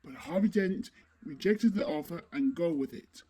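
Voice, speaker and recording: In a superhero audio drama, a woman voices a stern, determined masked vigilante. Her voice is low, husky and dark, with a terse, serious manner that's still animated, delivered at a moderate pace.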